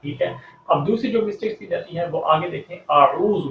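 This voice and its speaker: A man teaching a step-by-step recitation lesson, explaining calmly and pausing to chant verses slowly. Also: high voice, creaky. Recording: echoey, distant, dull lo-fi recording with faint hum.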